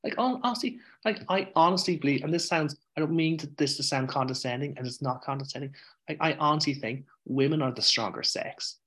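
An Irish man, a podcast guest, telling his own story in a frank, animated way, swearing freely and wandering off on tangents. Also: on the high side, a little fast. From Ireland. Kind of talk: candid conversational storytelling.

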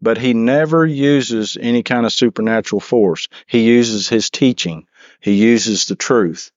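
A man's voice: mid-range voice, unhurried, no room sound, dull audio. A man leading a church Bible class, reading scripture and then explaining it, often restarting and repeating words as he asks the class questions.

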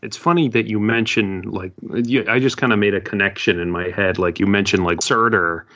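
Male podcaster, bright edge to the voice, halting casual talk, a bit lo-fi. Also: on the low side. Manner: halting, thinking aloud. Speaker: podcast co-host. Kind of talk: casual fan chat. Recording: slightly dull, lo-fi podcast audio.

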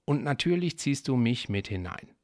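A man reading aloud and voicing an earnest, dutiful young prince in his twenties who gently scolds his brother. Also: mid-range voice, very animated, moderate pace, dry recording, clean studio sound, natural voice. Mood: scolding.

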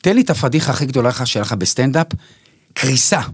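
A man's voice: mid-range voice, sing-song, slightly rough. A middle-aged man, hosting a casual interview and pressing his guest with eager questions. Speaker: interview host.

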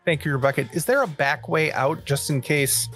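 A man playing his character in a tabletop game, describing actions and speaking in character in a relaxed, halting way. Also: on the high side, soft background music. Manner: relaxed, halting with restarts and asides. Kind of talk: casual chat, role-playing his character.

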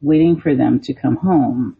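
A woman's voice: rumbling low, unhurried, creaky, breathy edge. A middle-aged woman co-hosting a podcast, chatting casually and explaining spooky lore. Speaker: podcast co-host. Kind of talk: casual storytelling chat. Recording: muffled lo-fi podcast audio.

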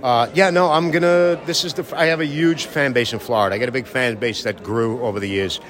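A man's voice: mid-range voice, a little fast, a bit bright. A man talking in a brash, boastful, profane way, interviewed at a busy event. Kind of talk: casual interview. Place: hotel event, crowd around. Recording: crowd noise behind. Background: crowd chatter.

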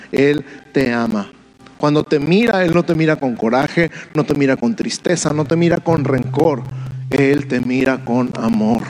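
A man preaching as a pastor, speaking in earnest, repetitive and slowly emphasized phrases during a church service sermon. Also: fairly high pitch. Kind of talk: sermon with altar call prayer. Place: church service, streamed online.

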